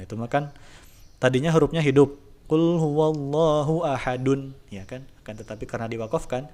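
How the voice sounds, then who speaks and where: Man slowly explaining Quran recitation. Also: medium pitch. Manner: slow drawn-out recitation demos between relaxed explanations. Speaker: religion teacher. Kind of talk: tajwid lesson.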